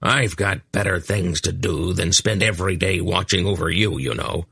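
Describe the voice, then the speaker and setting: A gravelly, growling old hunchbacked sorcerer with a deep, rough voice, as a man puts him on. He is irascible and blunt in an audiobook reading, close and dry with no room sound. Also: normal speed, fairly bright tone, no room sound, exaggerated voice. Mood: gruff.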